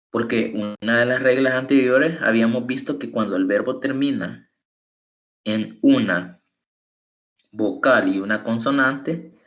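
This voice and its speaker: A man's voice: on the low side, a bit bright, highs cut off. A man tutoring English over an online call, explaining spelling rules patiently, step by step. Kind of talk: online teaching.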